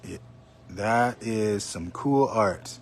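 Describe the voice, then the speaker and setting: Excited man opening trading cards. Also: fairly low pitch, drawn-out words. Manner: chatty, excited, naming cards as he pulls them. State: slightly hoarse. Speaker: card box opening streamer. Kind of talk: casual livestream commentary.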